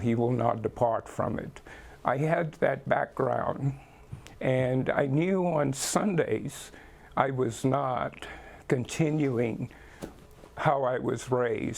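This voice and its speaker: An older man from the Bahamas speaks slowly, with a gravelly edge to his mid-range voice. He answers interview questions thoughtfully, pausing often and leaning on fillers. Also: mid-range voice, a little mellow. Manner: slow, thoughtful, with many pauses and fillers. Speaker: guest.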